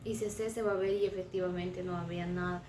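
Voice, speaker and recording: A woman teacher retelling a story for children in simple, slow words with small restarts. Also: on the low side, steady tone, mellow, slight background noise. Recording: roomy and distant.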